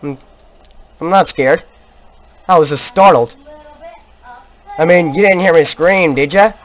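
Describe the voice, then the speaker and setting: A man's voice: a little high, a little slow, muffled recording. A man giving let's play commentary on a horror game. He yelps at scares and then jokingly insists he is not scared. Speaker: gamer.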